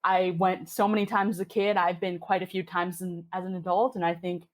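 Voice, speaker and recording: Briskly and with a flat delivery, a fairly low-voiced Hong Kong woman in her twenties chats as a podcast guest. Despite the flatness she sounds enthusiastic in the casual interview, using plenty of fillers.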